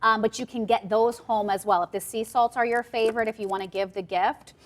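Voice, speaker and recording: A woman's voice: on the high side, fairly even intonation, a little fast. Upbeat woman TV shopping host. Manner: upbeat, chatty, salesy, repeats item numbers. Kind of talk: live TV shopping pitch. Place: TV studio.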